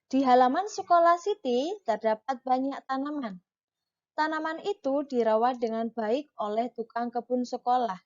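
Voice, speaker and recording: A woman teacher giving a patient reading lesson to children, reading the dialogue aloud with clear, marked intonation. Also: on the high side, a little mellow, muffled recording. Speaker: primary school teacher.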